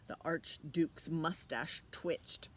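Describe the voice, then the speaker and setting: Outdoors beside a leafy hedge, a middle-aged woman hosts a children's storytime, reading a picture book and giving a lesson. Her voice is low with a breathy edge, and she speaks slowly, expressively, and simply, asking the children questions. Faint noise comes through the outdoor recording.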